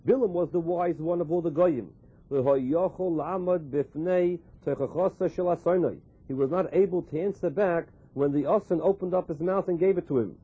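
A man's voice: a little high, husky. A man gives a Torah lecture as a religious teacher, explaining scripture by repeating and translating quoted phrases. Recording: muffled, phone-like narrow sound.

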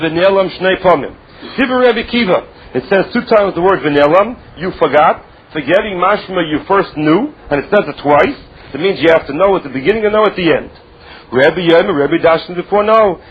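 A man's voice: high-pitched, breathy edge, muffled recording. A man with a Yiddish accent teaching a religious text, explaining emphatically with repetition and rhetorical questions. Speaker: Talmud teacher.

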